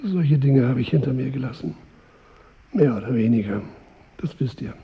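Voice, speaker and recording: A man's voice: mid-range voice, animated, moderate pace, close to an everyday voice. An actor playing a vain, weary King Arthur in a radio drama, speaking in a wry, stately manner. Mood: irritated, wry. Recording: roomy hall reverb, narrowed sound.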